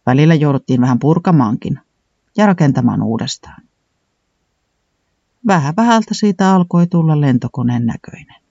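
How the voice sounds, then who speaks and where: Animated man reading a children's story. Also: on the high side, gravelly, long pauses, slightly rough, no room sound, dull audio. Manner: animated, sing-song reading. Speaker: narrator.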